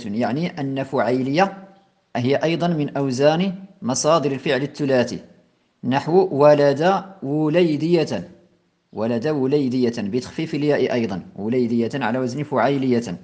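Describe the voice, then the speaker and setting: Patient man teaching classical Arabic grammar. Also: medium pitch. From Morocco. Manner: recites the verse loudly, then explains it slowly and patiently. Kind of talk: lecture explaining a classical poem.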